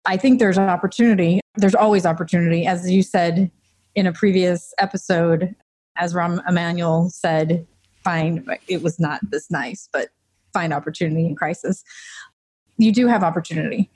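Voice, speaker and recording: A woman's voice: on the low side, moderate pace, darkish tone, husky, no room sound. Chatty woman podcast co-host, dry sound. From United States. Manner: chatty, laughs easily. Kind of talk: casual podcast chat.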